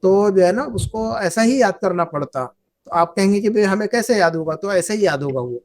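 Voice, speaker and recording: A woman's voice: medium pitch, darkish tone. A woman whose first language is Urdu, teaching an Arabic grammar lesson, patiently repeating verb forms and asking the class questions. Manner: asks the class questions and invites answers.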